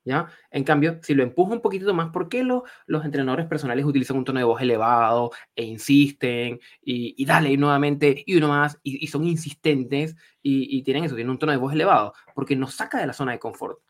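A man's voice: medium pitch, fast, hardly any pauses. A man, a clinical psychologist, explaining ideas on a podcast and driving his points home by repeating them.

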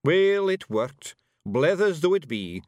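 A man voicing a tough, bossy little male fairy clan leader with a Scottish accent and a gruff, blunt way of talking. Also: on the high side, very animated, takes it slowly, a little mellow, dry recording, clean studio sound, pitched above the performer's own voice.

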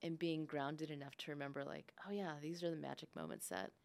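Her voice is deep and creaky, a little mellow, steady in tone and a bit fast. Raised bilingual in English and Spanish, this business leader talks casually and reflectively as a podcast guest, often tacking on "like" and "right?".

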